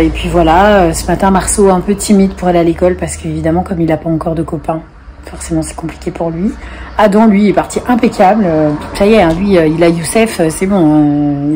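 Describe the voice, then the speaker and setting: Her voice low-pitched and dark, a French family vlogger in her forties rambles casually to a camera at close range, full of fillers and stuffed up with a cold. The single mother sits on her living room sofa, a window open to a busy street adding slight background noise.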